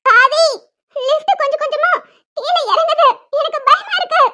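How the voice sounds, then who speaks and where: A woman voicing a squeaky, frightened cartoon girl. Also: moderate pace, bright, forceful tone. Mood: panicked. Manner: crying out for help, pleading. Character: frightened young woman trapped in a lift. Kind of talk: cartoon voice acting.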